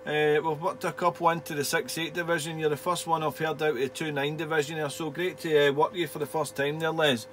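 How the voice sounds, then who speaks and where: A man's voice: a little high, level tone, fairly quick, few pauses, fairly bright tone. A man working as a radio operator, chatting casually and in a friendly way, with call signs and radio jargon. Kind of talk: casual two-way radio contact chat. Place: indoor home radio shack. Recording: radio hiss and hum.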